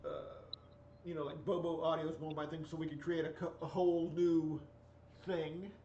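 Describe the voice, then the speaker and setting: 40s guy rambling with lots of ums, higher voice, far off in an echoey room, muffled. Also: level tone, normal speed, warm tone. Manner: hesitant, many fillers and restarts. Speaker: podcast co-host. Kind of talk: casual chat. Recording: distant echoey muffled mic with faint hiss.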